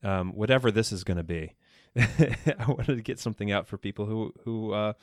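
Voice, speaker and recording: Man, podcast host, casual chat, rambling with fillers, low voice, dry sound. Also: moderate pace, no echo. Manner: rambling, many fillers and restarts.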